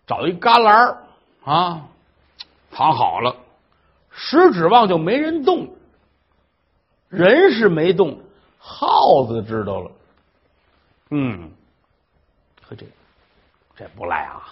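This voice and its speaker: A man telling a traditional story, animated and acting out the characters' voices, on a dull lo-fi recording. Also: on the high side, slow pace, long pauses, slightly rough.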